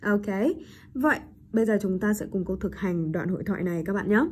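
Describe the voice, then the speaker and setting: A woman English teacher with a mid-range, husky voice gives a brisk bilingual lesson on intonation. She keeps checking in with her listeners, repeats rhetorical tag questions, slips in short English words, and corrects herself as she goes.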